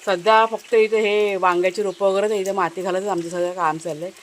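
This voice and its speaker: A woman from Maharashtra in casual vlog narration, chatty and explanatory as she speaks to viewers from an outdoor garden, now and then calling loudly to her dogs. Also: mid-range voice, fairly even intonation, a little fast, a little hiss or hum. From Maharashtra, India. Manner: calls out loudly to her dogs between remarks. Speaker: family vlogger.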